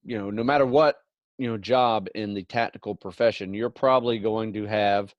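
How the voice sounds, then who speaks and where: A man's voice: fairly low pitch, steady tone, moderate pace, dry recording, muffled recording. A middle-aged man hosting a podcast, agreeable and advising in a loose, filler-heavy way. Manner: agreeable, many "you know" fillers, advisory. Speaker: podcast host. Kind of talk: casual podcast conversation.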